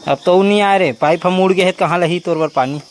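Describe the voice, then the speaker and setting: A young man with a Chhattisgarhi accent hosting a casual village vlog, talking in a playful, loud, teasing way. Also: sits high, fairly quick. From Chhattisgarh, India. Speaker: vlogger.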